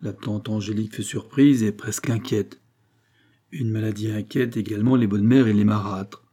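A man narrating a classic novel in a measured, wry manner as an audiobook reader. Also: lowish voice, fairly even intonation, dark tone, husky. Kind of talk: scripted literary narration.

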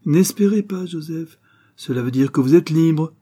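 A man's voice: a little high, moderate pace, dark tone, slightly rough, voice pushed up. A man voicing a carefree, haughty young Parisian count in an audiobook reading, talking in a lofty, teasing way.

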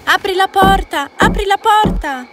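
A woman voicing a bold, lively young girl in a fairy-tale story, with a high, lively voice. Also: a little slow, over loud music. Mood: pleading.

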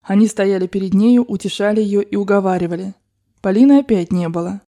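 A woman's voice: medium pitch, fairly quick, warm tone. Woman narrating a classic novel. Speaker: audiobook narrator. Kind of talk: audiobook narration.

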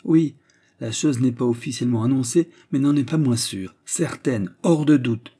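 A man voicing a coarse, scheming middle-aged male estate steward in a gruff, blustering manner. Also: medium pitch, moderate pace, warm tone, voice pushed up, close to an everyday voice.

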